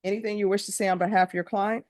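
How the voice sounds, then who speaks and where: A woman with a mid-pitched voice presides as a judge in formal courtroom style. She reads out legal admonishments and questions briskly and with authority. The sound is dry, with very little room echo. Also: steady tone. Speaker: judge presiding over a plea hearing.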